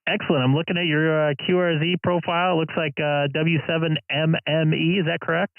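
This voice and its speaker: Higher-voiced man making ham radio calls. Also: level tone, fairly quick, phone-quality sound, slight background noise. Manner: friendly, hesitant, spells call signs in phonetic words. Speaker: amateur radio operator, livestream host. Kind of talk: ham radio call, casual on-air exchange.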